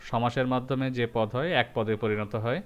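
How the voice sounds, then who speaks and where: A man teaching a grammar lesson, going through rules step by step and repeating each example slowly. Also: mid-range voice, fairly even intonation, clean tone, highs cut off. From Bangladesh.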